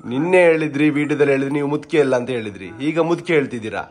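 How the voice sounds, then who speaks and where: A young man, teasing his family with rapid questions in a playful vlog chat. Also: medium pitch, expressive, a little mellow. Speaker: vlogger interviewing family members.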